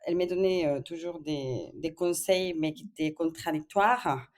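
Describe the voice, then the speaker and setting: A woman's voice: low voice, normal speed, darkish tone. A woman from Spain in her thirties, speaking as a podcast guest in a casual interview, with frequent hesitations and fillers. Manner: hesitant, many fillers, thoughtful.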